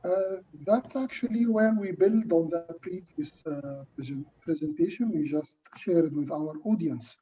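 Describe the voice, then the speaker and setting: A man, an Arabic speaker, speaking on a panel in a halting way, often repeating words and restarting. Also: fairly high pitch, warm tone, slight background noise. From Egypt. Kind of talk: panel discussion. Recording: distant, muffled video-call audio.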